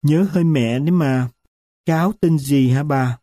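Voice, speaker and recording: A man voicing a gentle, concerned village teacher. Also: a little high, a little slow, dry recording, clean studio sound, lightly acted. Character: kind, concerned young village schoolteacher woman.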